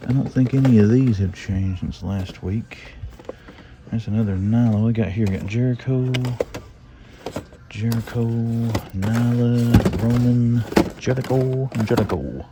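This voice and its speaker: In a very noisy setting, a middle-aged man with a Southern drawl and a medium-pitched voice speaks unhurriedly. He's vlogging a casual walk through store aisles in search of toys, chatting and rambling to himself at the shelves.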